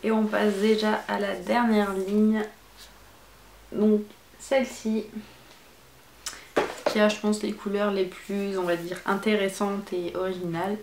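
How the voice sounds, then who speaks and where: A woman's voice: medium pitch, flat delivery, measured pace, vocal fry, pauses often, a little mellow, echoey room, a little hiss or hum. A woman beauty vlogger chatting casually through a makeup palette review, enthusiastic about each shade.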